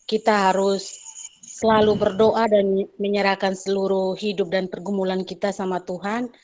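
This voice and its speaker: A woman at her first church group meeting shares what she learned over a video call. She speaks in earnest, measured phrases at a middle pitch. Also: flat delivery, darkish tone, poor audio. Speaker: first-time group member.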